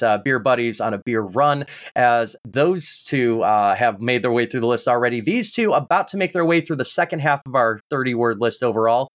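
An American man hosting a podcast word game, reading scores and rules with brisk, wry patter. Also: medium pitch, fairly bright tone. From United States. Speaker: game show host.

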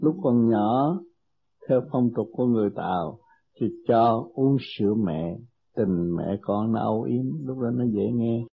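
A man, a meditation teacher counseling a disciple, gentle and teasing, speaking in short maxims. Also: mid-range voice, measured pace, vocal fry, husky. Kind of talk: spiritual counseling. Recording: tinny lo-fi tape.

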